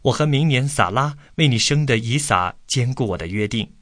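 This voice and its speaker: A man calmly reading a Bible story aloud from a script, then posing study questions to listeners. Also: mid-range voice, normal speed, dry recording, studio quality.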